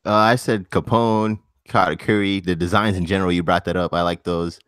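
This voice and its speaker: Young man, very deep voice, dry close sound, teasing co-host, casual chat. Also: fairly even intonation, a little fast, a bit bright, clean tone, dry recording. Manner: dry, needling, laughs at the other host.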